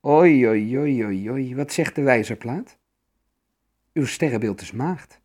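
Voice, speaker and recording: A man's voice: medium pitch, measured pace, a little mellow, close to an everyday voice. A man doing a fretful wise old troll. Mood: kindly. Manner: friendly, fretting with moans.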